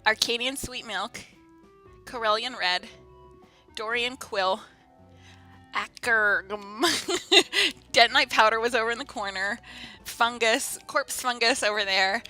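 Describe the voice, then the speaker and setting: A woman's voice: on the high side, slow, pauses often, bright, forceful tone, soft background music. A woman chatting casually and playfully with viewers as she streams a video game, giggly in manner. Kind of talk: casual livestream game commentary and chat.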